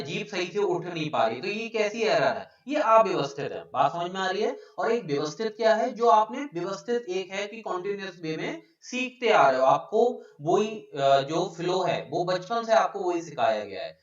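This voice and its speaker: A male teacher giving a live online exam-prep lesson. He explains a point, keeps asking the students whether it is clear, and reads out their names from the chat. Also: high-pitched. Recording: echoey, distant, dull lo-fi room sound.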